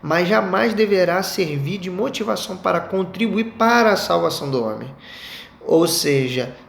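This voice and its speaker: A man's voice: sits high, lively intonation, moderate pace, vocal fry. A young Brazilian man teaching a Sunday school Bible lesson, chatting with the class and asking it rhetorical questions. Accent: Brazilian Portuguese. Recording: echoey room with faint noise.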